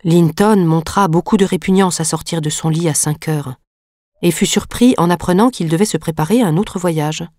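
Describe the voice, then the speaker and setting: A woman with a lowish voice narrates a classic novel at a measured, even pace. The sound is dry and close to the mic, with no room echo. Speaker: audiobook narrator. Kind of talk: literary audiobook narration.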